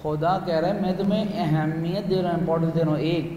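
Animated preacher, echoey hall. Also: male voice, on the high side. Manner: animated, rising to loud calls then dropping to soft; plays out little scenes and asks the audience questions. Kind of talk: religious talk to young people at a retreat. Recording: echoey hall with faint room noise.

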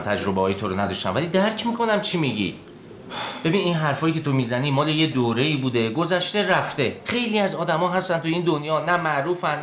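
An actor playing an ordinary, patient friend who calmly reasons and pushes back. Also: male voice, on the high side, a little hiss or hum, natural voice. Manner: calm, reasoning, mildly defensive. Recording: roomy echo.

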